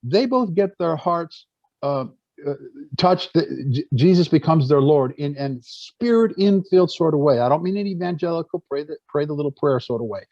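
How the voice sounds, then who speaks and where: A man's voice: fairly high pitch, animated, normal speed, a little mellow, no echo, lo-fi sound. Earnest man preaching to a gathering. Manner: earnest, stumbling restarts, storytelling. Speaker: speaker on church life.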